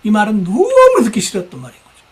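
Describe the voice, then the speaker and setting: Male pastor, high voice, lively dramatic sermon delivery, acts out quoted voices. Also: fast talker. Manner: animated, acts out quoted speakers, mimics shouting. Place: church.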